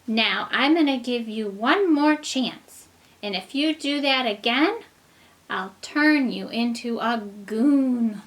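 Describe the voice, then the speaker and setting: Woman acting out a high-pitched scolding blue fairy for toddlers. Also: lively intonation. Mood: stern warning. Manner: slow, emphatic scolding for small children. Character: stern, scolding female blue fairy in a children's song. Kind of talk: children's song storytelling, as if to a toddler.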